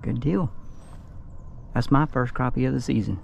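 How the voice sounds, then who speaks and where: Gravelly man narrating from a kayak. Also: medium pitch, moderate pace, a little mellow, slight background noise. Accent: Southern American. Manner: easygoing, chuckles often, explains while fishing. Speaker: fishing vlogger. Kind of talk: casual outdoor commentary. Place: kayak on flooded lake outdoors. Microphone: action camera mounted on kayak.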